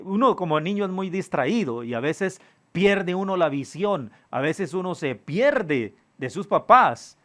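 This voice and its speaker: A man preaching a sermon, earnest, calling his listeners brother, often halting with fillers and restarts. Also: high voice.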